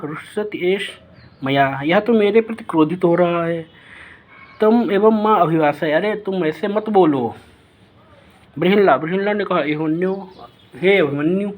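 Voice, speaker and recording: A man with a fairly high voice teaches a class by reading a classical text aloud line by line. He follows each line with a plain explanation, and his voice rises when he reads out a character's words. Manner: reads each Sanskrit line, then paraphrases it. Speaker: Sanskrit teacher.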